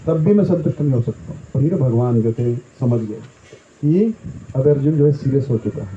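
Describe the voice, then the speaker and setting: A man's voice: mid-range voice, animated, normal speed, dark tone, slight background noise. A man teaching a scripture discourse, explaining with everyday examples and often checking in with his listeners. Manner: explains with homely examples, often asks "right?". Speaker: Gita teacher. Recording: echoey room, dull lo-fi sound.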